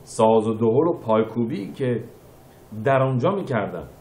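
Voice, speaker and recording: A man giving a sermon as a rabbi, reading verses and explaining them phrase by phrase, moving between quiet explanation and loud emphatic bursts. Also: mid-range voice, expressive, roomy sound, slight background noise. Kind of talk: sermon teaching scripture.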